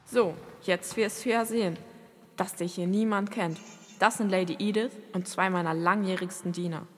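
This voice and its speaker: A woman's voice: mid-range voice, steady tone, normal speed, long reverb tail, close to an everyday voice. A woman playing a smug, scheming lord who gives cruel commands in an audio drama.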